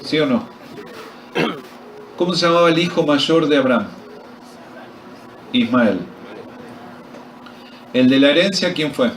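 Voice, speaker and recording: A man's voice: fairly high pitch, takes it slowly, long pauses, a little hiss or hum. A man with an Argentine accent preaching a sermon at a men's retreat, quizzing his audience and joking as he tells the story. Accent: Argentine Spanish. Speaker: pastor. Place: retreat meeting hall. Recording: echoey hall recorded from far off.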